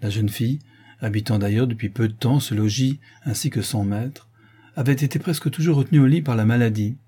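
Man narrating a novel, husky voice. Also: medium pitch, a little fast, warm tone. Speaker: audiobook narrator. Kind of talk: scripted narration.

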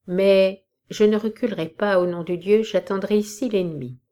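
A woman's voice: mid-range voice, fairly even intonation, moderate pace, warm tone, close to an everyday voice. A woman voicing a steadfast old male bailiff in a history reading, speaking firmly. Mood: resolute.

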